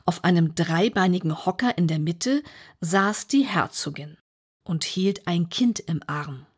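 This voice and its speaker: A woman reading a children's story aloud in a calm, measured, soft way. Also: lowish voice, breathy edge. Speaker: audiobook narrator.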